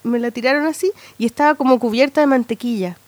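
Chilean woman co-host in her thirties, higher pitch, animated storyteller, dry close recording. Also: fast, dry recording. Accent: Chilean Spanish. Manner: animated storytelling with lots of slang tags. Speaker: podcast co-host. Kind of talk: casual chat.

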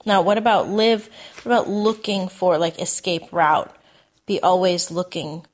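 A woman's voice: lowish voice, steady tone, a little slow. A woman teaching songwriting, working through lyrics aloud in a hesitant, self-correcting way.

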